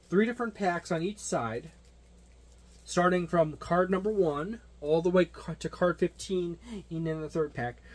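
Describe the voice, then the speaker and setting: In an off-the-cuff review, this man, who reviews tabletop games, picks his way through a product's details with a halting, wandering delivery full of stops and restarts. His voice sits a bit above the usual male range and sounds a little mellow.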